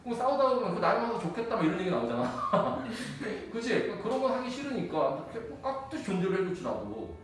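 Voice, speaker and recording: A man's voice: high voice, sing-song, brisk, hardly any pauses. Slangy male math teacher in an echoey classroom. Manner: blunt, slangy and profane, laughing often. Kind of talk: casual lecture mixing a personal story with a math lesson. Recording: echoey room, distant mic, noisy.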